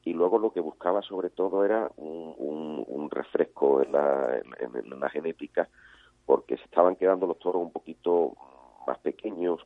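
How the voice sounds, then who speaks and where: A man's voice: a bass voice, creaky, no room sound. A man, a cattle breeder answering interview questions hesitantly, often repeating words. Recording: dry, phone-like line.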